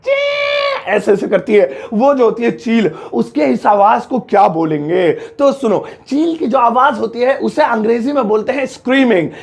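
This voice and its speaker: Playful Indian teacher, high gravelly voice. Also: male voice, moderate pace, hardly any pauses. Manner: jokey, animated, mimics animal sounds. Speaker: English teacher. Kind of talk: playful spoken lesson.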